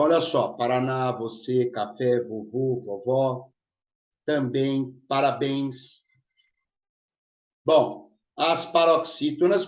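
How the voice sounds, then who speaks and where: A Brazilian-accented man explains grammar rules at an unhurried pace, often pausing to check that his students follow. His voice carries a roomy echo and comes through dull and lo-fi. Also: medium pitch. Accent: Brazilian Portuguese. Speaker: Portuguese teacher. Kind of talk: recorded grammar lesson.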